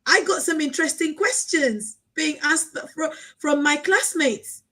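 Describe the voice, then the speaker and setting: A woman from Africa hosting a casual live conversation, talking in an animated, encouraging way and repeating phrases for emphasis. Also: high voice, a little slow, low-quality recording. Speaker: host.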